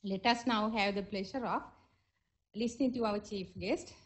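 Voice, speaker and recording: A woman's voice: mid-range voice, steady tone, moderate pace. A woman makes a formal scripted introduction as master of ceremonies.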